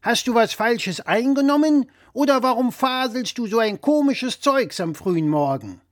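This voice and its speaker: A man voicing a blustering, opinionated, old-fashioned father who lectures loudly and with emphasis. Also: extremely high pitch, expressive, moderate pace, no room sound, studio quality, pitched above the performer's own voice.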